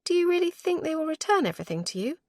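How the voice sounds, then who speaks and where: A woman voicing a spirited young newlywed gentlewoman, playful and arch in her teasing. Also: very high voice, sing-song, dry recording, studio quality, pitched above the performer's own voice, exaggerated voice. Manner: playful, arch, quick to tease.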